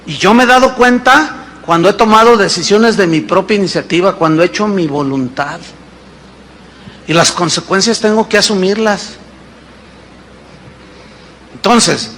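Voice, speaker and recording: A man in his fifties preaching a sermon as pastor, animated and full of rhetorical questions. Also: high voice. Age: 50s.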